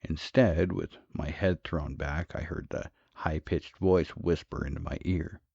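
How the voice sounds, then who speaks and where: Man, very deep voice, gravelly, husky, horror story narration, dry dull recording. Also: steady tone, mellow, no echo. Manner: measured, dramatic.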